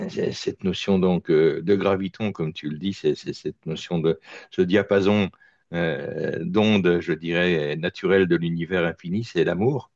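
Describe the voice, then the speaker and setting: Deep gravelly male panel host. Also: darkish tone, no room sound, muffled recording. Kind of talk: moderating a panel discussion.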